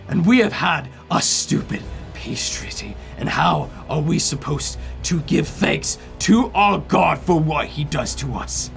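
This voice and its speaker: A man's voice: fairly high pitch, animated, a little slow, vocal fry, few pauses, a bit bright, faint music behind, full character voice. A man voicing an angry, war-hungry orc leader with an indignant, zealous manner.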